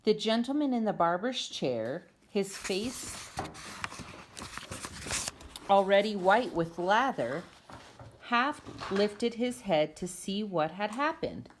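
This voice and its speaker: Reading a children's picture book as narrator, a woman speaks slowly and animatedly in a mid-range voice, pausing often. The amateur home video has noticeable background noise.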